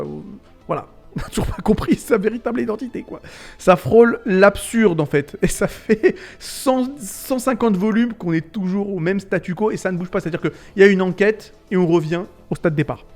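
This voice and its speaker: A man's voice: high voice, a little mellow. A man hosting a casual video essay, ranting animatedly about fiction tropes and swearing freely.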